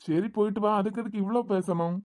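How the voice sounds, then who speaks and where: A woman's voice: mid-range voice, fast talker, warm tone, lightly acted. A woman voicing a caring young husband in a cartoon, talking in a soothing, questioning way with a Kanyakumari Tamil accent. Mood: concerned. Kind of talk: cartoon voice acting.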